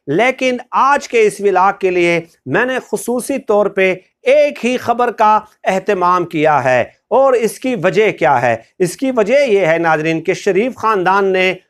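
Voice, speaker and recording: A man with a high, light voice and a Pakistani Urdu accent hosts a political commentary vlog. He speaks in a formal, polished register and addresses his viewers directly. His delivery is punctuated by frequent hesitant fillers as he gathers his thoughts. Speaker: political vlogger.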